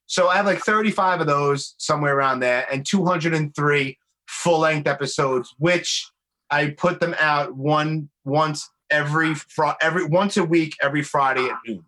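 Bright Brooklyn-accented male podcast host. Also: a little high, normal speed, rough recording. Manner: blunt, swearing, animated storytelling full of slang. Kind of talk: casual conversational chat.

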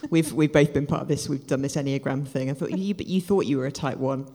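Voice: mid-range voice, steady tone, quick pace, dark tone. A host interviewing someone live in a casual, informal and joking way. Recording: reverberant hall.

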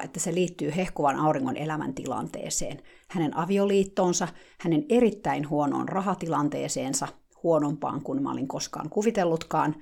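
A woman's voice: sits low, creaky, darkish tone. A woman telling a dramatic first-person diary story in a confiding, casual way.

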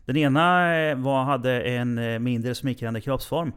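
A man from Sweden, speaking at a medium pitch, chats casually and tells stories with energy. He slips into the voices of the people he quotes, so his delivery keeps shifting. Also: smooth. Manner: animated anecdote-telling, acting out quoted voices. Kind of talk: casual chat, storytelling.

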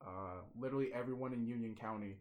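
A man's voice: mid-range voice, fast, narrow, tinny audio, crowd noise. A young man with a strong lisp, chatting and bantering casually on a podcast. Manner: laughing, bantering. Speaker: podcast co-host. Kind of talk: casual chat.

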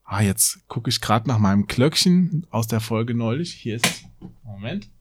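A man's voice: medium pitch, lively intonation, normal speed. A man hosting a podcast, reading a fairy tale aloud with playful asides. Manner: playful, self-interrupting. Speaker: podcast host.

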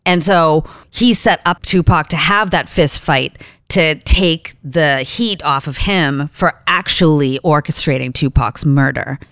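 A woman's voice: low voice, measured pace, few pauses, a bit bright, no echo, studio quality. A woman co-hosting a casual podcast, chatty and laughing often, swearing casually. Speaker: podcast co-host. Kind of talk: casual chat.

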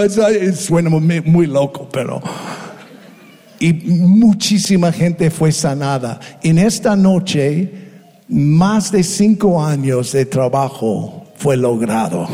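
A man preaching a sermon, telling funny stories with laughter, acting out the voices of people in them. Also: on the high side. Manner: animated, jokes and laughs, acts out voices. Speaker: pastor. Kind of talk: humorous sermon storytelling. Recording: long reverb of a large hall.

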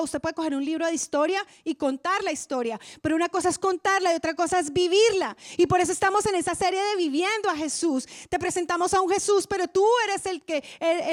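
Woman preacher, high voice, dry sound, impassioned sermon, loud to hushed. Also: no room sound.

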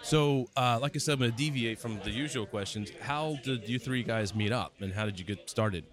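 A man's voice: mid-range voice, brisk, crowd noise. A man interviewing artists in a friendly, joking, casual way.

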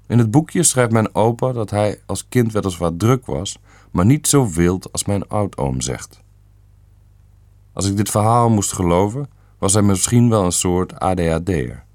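A man reads a family story aloud in a calm and measured way. His voice is very low and deep, recorded close and completely dry. The delivery is even and unhurried. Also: dry recording. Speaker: narrator. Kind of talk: scripted narration of a family story.

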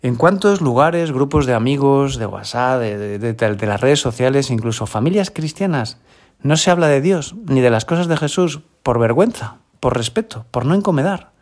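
A man's voice: medium pitch, animated, normal speed, a little mellow. A Spanish-accented man, a school chaplain, giving a conversational homily and often ending phrases with a questioning tag. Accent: Peninsular Spanish. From Spain.

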